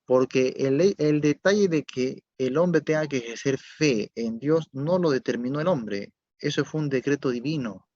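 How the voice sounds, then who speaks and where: Preaching at a moderate pace with hardly any pauses, a medium-pitched male pastor asks rhetorical questions and confirms with tag checks that his audience follows. He alternates loud and soft, and the dull lo-fi recording is dry, with no echo.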